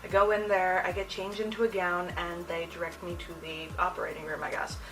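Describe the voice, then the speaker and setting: A young adult woman hosting a casual storytime vlog, talking in an animated, slangy way. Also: lowish voice, brisk, distant mic, faint music behind, rough recording. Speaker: video host. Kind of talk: casual personal storytime to camera.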